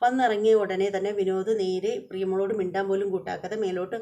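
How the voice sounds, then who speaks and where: Fast-talking woman recapping a serial. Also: medium pitch, fairly even intonation, dark tone. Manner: fast retelling with frequent filler sounds and restarts. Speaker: serial review narrator. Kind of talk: casual episode recap narration.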